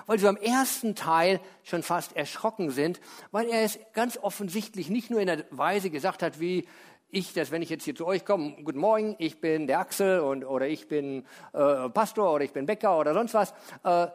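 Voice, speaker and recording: Male pastor with a light, high voice, casual lively sermon delivery. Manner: lively, conversational preaching with tag questions; drops low and slow for scripture quotes.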